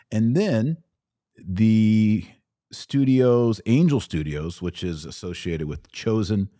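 Speaking in a low, mellow voice, an American man hosts a live-streamed podcast of conversational news opinion, using short, emphatic phrasing. The studio sound is clean, with no room noise.

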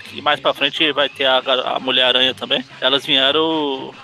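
A man's voice: flat delivery, gravelly, bright, forceful tone, low-quality recording. A man co-hosting a casual comic book review podcast, joking and acting out character lines. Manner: jokey, acts out character lines in quick high voices. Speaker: podcast co-host.

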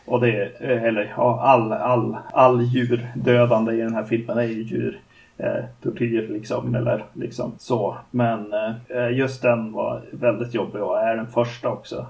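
A man's voice: medium pitch, steady tone, creaky, darkish tone, recorded from a distance, poor audio. A man co-hosting a podcast, casually talking through a film, with loose fillers and restarts. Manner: conversational, many fillers and restarts. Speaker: podcast co-host.

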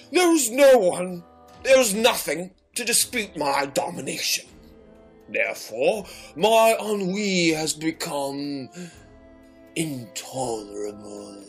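Slow, pompous, world-weary sorcerer. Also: male voice, on the high side, fairly bright tone, pitched above the performer's own voice, heavily acted. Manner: pompous, drawn-out theatrical delivery. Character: bored, all-powerful male sorcerer, grandly weary. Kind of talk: dramatic story reading.

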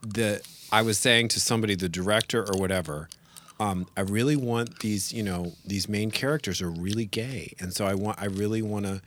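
A man chatting on a podcast with a fairly low voice. He tells stories with flair, leaping up in pitch when acting out what people said. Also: fairly quick, a little hiss or hum. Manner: animated storyteller, acts out quotes with big pitch jumps. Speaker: podcast co-host and audiobook narrator. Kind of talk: casual chat.

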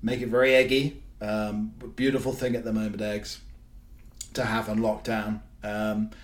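A man's voice: on the low side, level tone, normal speed. A man hosting a casual solo podcast, rambling along with frequent ums and restarts. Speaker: podcast host. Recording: roomy, from a distance.

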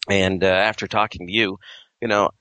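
Male co-host, lowish voice, rambling casual storyteller, dry call audio. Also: level tone, moderate pace, bright, forceful tone, no echo. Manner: rambling storyteller with many fillers and restarts. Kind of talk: casual chat. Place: Quebec home over a call. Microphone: internet call audio.

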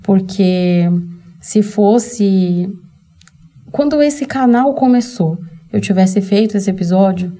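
Brazilian woman, vlog host; warm, soft tone, candid and emotional, talks straight to her audience. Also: medium pitch, takes it slowly. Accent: Brazilian Portuguese. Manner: candid, emotional, speaks directly to viewers. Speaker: channel host. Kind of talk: personal storytelling vlog.

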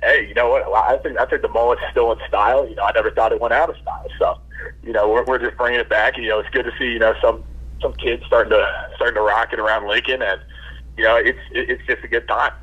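A young man's bright, husky voice comes over a muffled phone line. He answers quickly and easily, scattering "you know" through his talk. His pitch sits somewhat low. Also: steady tone. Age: young adult. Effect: heard over the phone. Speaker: college football player, phone-in guest. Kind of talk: casual interview answers.

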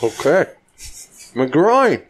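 A man with a lively, swooping voice hosts a casual cigar podcast and teases his panel. He calls on each guest for a rating from a lounge with faint background noise. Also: on the high side, extremely slow. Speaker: podcast host. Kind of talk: casual chat. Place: cigar lounge, second floor.

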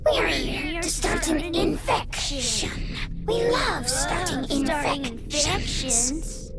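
Cartoon villain germ: tiny, cute and squeaky, gleefully menacing, animated high delivery over prominent music. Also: female voice, drawn-out words, heavily acted. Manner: cocky, taunting. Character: small gleeful, menacing germ out to infect lungs. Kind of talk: educational cartoon character acting. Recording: loud music underneath.

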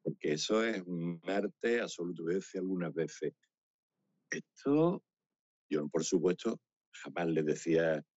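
A man, a romancero performer telling anecdotes in a chatty, animated way and laughing often. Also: low-pitched, normal speed, slightly rough, no room sound. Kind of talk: casual interview storytelling. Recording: slightly dull, dry radio recording.

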